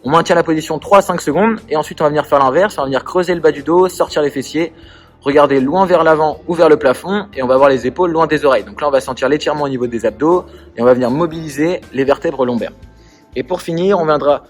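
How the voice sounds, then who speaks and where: Guy walking you thru exercises step by step, calm, a bit high-pitched, faint music. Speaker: CrossFit coach. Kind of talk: workout instruction.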